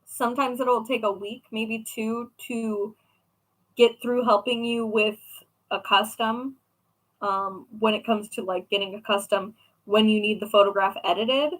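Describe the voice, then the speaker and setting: A young woman talks casually to her viewers about her craft work, wandering from one point to the next with plenty of fillers. Her voice sits a little high and sounds bright and forward. She keeps an easygoing, chatty tone throughout. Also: fairly even intonation, unhurried, poor audio. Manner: chatty, rambling with many fillers. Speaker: craft shop owner and vlogger. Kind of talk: casual chat answering viewers.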